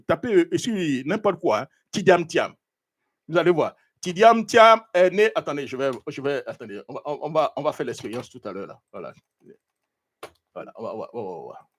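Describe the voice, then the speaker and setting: Male show host, high and lively, indignant live commentator. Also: normal speed. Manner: animated, indignant, searching online while talking.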